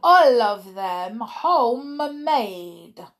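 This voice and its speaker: A woman voicing a tiny, furious female Grand High Witch who screeches orders in odd, broken English. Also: expressive, drawn-out words. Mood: scheming. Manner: shrieking, screeching, foreign-sounding broken English.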